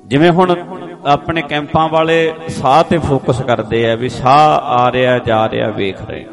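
A man giving a slow, explanatory religious sermon, now and then chanting rhythmically. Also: mid-range voice. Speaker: Sikh preacher. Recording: music clearly behind the voice. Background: instrumental music.

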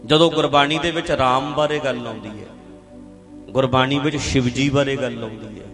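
A man from India giving a public talk on religion, stressing points by repeating phrases and putting questions to the audience. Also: a little high. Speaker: speaker addressing an audience.

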